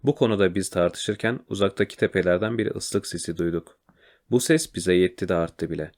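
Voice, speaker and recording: A man narrating a children's storybook in a quiet, measured way. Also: sits low. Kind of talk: storybook reading.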